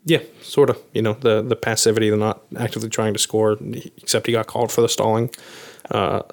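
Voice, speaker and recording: A man's voice: on the low side, little pitch movement, fairly quick. A man co-hosting a sports podcast, breaking down results analytically with frequent "um" and "you know" fillers. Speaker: podcast co-host.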